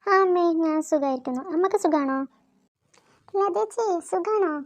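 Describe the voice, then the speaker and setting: A woman's voice: very high-pitched, animated, moderate pace, no echo. A woman voicing a bossy young woman scolding her little sister in a cartoon. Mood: pleading. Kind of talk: cartoon voice acting.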